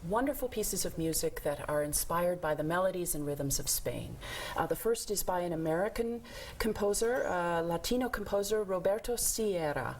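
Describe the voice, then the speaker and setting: A woman's voice: lowish voice, expressive, normal speed, slight background noise. A woman orchestra conductor giving an enthusiastic studio interview, with many fillers. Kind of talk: interview guest.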